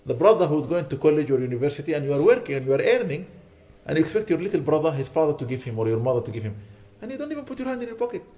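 A man's voice: fairly high pitch, big pitch swings, very fast, hardly any pauses, mellow. A man delivering a sermon as a sheikh, urging his listeners with repeated rhetorical questions. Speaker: sheikh giving a lecture. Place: lecture hall.

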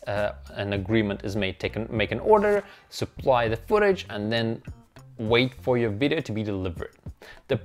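Recorded in a small bedroom on a clip-on lapel mic, a young man narrates his vlog with a mid-range voice and a Russian accent, being a native Russian speaker. The tone is laid-back, upbeat and poking fun at himself.

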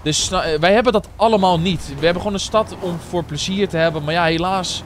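A man's voice: sits high, quick pace, a little hiss or hum. A man, chatting casually with viewers and calling them guys and bro while playing a game. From Netherlands. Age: 20s. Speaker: streamer and server owner. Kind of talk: casual live-stream chat while playing.

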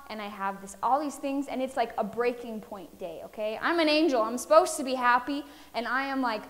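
A woman's voice: on the high side, fairly bright tone, poor audio. A young woman giving a chatty devotional talk, telling a personal story and often checking in with her listeners. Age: young adult. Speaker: youth speaker.

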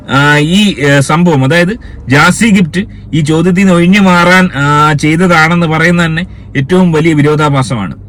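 A man's voice: on the high side, fairly bright tone. A man hosting a commentary video, scolding and indignant, firing rhetorical questions in a heated opinion rant. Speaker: commentary channel host.

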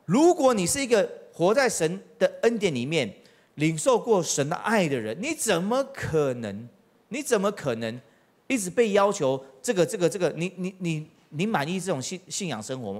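A man's voice: sits high, sing-song, moderate pace. A middle-aged man preaching a sermon as pastor, telling stories with acted-out quotes and rhetorical questions. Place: church.

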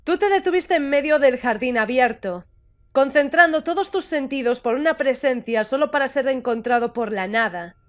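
High-voiced excitable woman gamer. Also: normal speed. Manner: excitable, laughs often, swears and switches into English. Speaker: gaming channel host. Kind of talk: reading a visual novel aloud with reactions. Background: faint game music.

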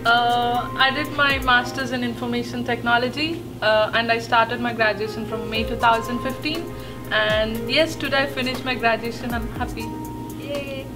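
A woman's voice: on the high side, fairly even intonation, normal speed. A young woman with an Indian English accent, a new graduate giving a hesitant testimonial full of fillers. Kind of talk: testimonial interview. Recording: distant mic, background music.

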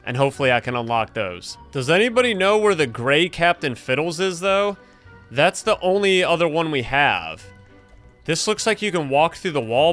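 Animated, higher-pitched young man streaming games. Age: young adult. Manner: animated, exclaiming reactions. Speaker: gaming video host, streamer. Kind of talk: lively gameplay commentary.

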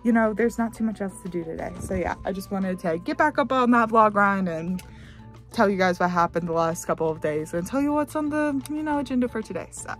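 A woman's voice: mid-range voice, lively intonation, brisk, faint music behind. A young woman in her twenties chatting casually to the camera from inside her RV, rambling with lots of fillers. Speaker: vlogger. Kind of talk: casual vlog chat.

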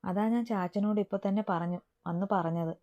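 A woman's voice: medium pitch, steady tone, fairly quick, lightly acted. Woman reading as a timid tearful young sister. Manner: hesitant, soft-spoken. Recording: dull lo-fi recording.

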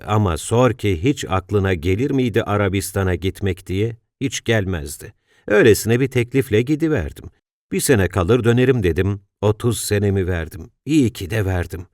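A kindly engineer in his sixties, gentle and grateful, speaking softly as a male narrator reads him. The voice is deep and low. The recording is dry, with no room sound. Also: no room sound, lightly acted. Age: 60s. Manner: gentle, grateful, soft-spoken.

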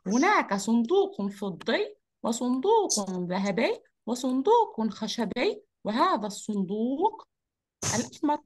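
A woman voicing a cheerful, energetic male rabbit who tells a story to children in an online lesson. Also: a little high, measured pace. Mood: playful. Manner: lively, upbeat, speaks to children.

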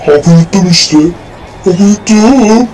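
A man's voice: high voice, animated, takes it slowly, a little mellow, faint music behind, low-quality recording. A man doing a rowdy comedic fan dub of a cartoon, exclaiming and swearing casually.

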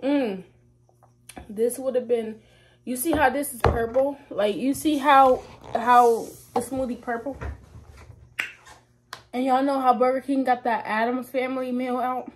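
A woman's voice: high-pitched, steady tone, unhurried, long pauses. A 21-year-old woman from Ohio, a vlogger casually chatting to her viewers in a slangy, talkative way, at work and in her car. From Ohio, USA. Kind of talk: casual vlog chat to viewers.

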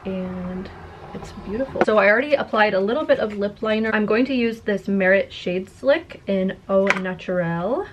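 A content creator in her twenties chats casually to camera from a carpeted, attic-style room indoors. Her medium-pitched voice moves at normal speed over a noisy background, and a slight lisp makes her s sounds slushy.

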